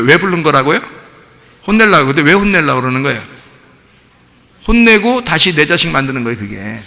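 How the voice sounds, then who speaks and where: A male pastor preaching a sermon with animated delivery, often firing rhetorical questions at the congregation. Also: a little high, vocal fry, in a large hall. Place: church sanctuary.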